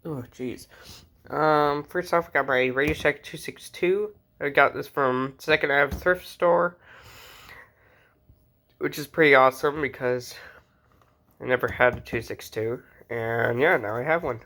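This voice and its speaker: A man hosts a casual hobby show-and-tell about his radio collection, speaking in a mid-range voice with a sharp tone and an unhurried pace. He rambles informally, like he's chatting with his regular viewers.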